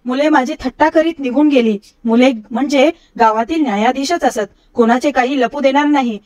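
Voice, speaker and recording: A middle-aged woman reading a storybook aloud, lifting her pitch for the quoted characters. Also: darkish tone. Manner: recites verse slowly and lower. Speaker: storybook reader.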